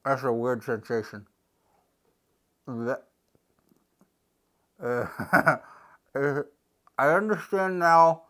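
A woman's voice: a bass voice, lively intonation, extremely slow, pauses often, a bit bright. Woman talking around a mouthguard. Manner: playful and jokey, reading instructions aloud. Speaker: unboxing video host. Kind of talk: casual unboxing vlog.

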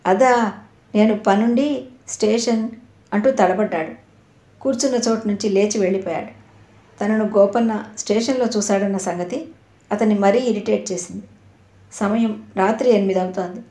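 A woman reading an audio novel aloud with a steady storytelling delivery. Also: medium pitch. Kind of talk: scripted narration. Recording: roomy echo.

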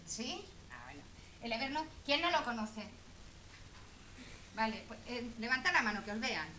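A woman presents at a conference, her voice fairly high, pushed and bright, at a normal speed. Her talk is chatty and teasing, and she keeps checking in with the audience. The echoey hall carries a faint hum.

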